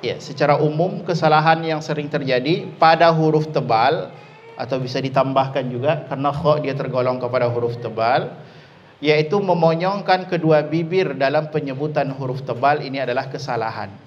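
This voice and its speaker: A man teaching Quran recitation, explaining letter sounds slowly and leading drills for students to repeat. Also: a little high, lo-fi sound. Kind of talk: tajwid lesson.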